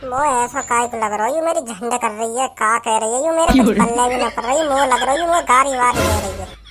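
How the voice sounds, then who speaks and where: A blustering, suspicious village man from a cartoon, voiced by a woman, with a thick rural western Uttar Pradesh accent and coarse, threatening talk. The voice is pitched very high and cartoonish, with music running under it. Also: brisk, natural voice. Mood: grumbling. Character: hot-tempered rustic village man Bhajji. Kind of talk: cartoon voice acting.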